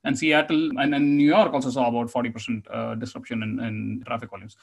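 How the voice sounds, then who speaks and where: A man's voice: mid-range voice, little pitch movement, quick pace, gravelly, slightly rough. A man giving a webinar slide presentation over a video call, explaining steadily with many fillers and restarts. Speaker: conference presenter.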